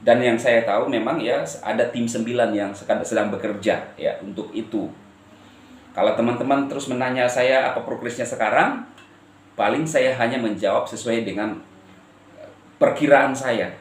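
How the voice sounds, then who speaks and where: A man from eastern Indonesia addressing his viewers as a channel host, with a firm intonation that can sound stern even when he is calm. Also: medium pitch, moderate pace, echoey room. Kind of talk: direct-to-camera address to viewers.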